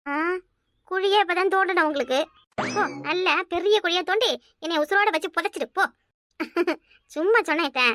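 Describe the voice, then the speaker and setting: A woman voicing a calm elder daughter-in-law in a cartoon, speaking with a Kanyakumari Tamil accent in a soothing, teasing manner. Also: extremely high pitch, normal speed, long pauses, slight background noise. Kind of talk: cartoon voice acting.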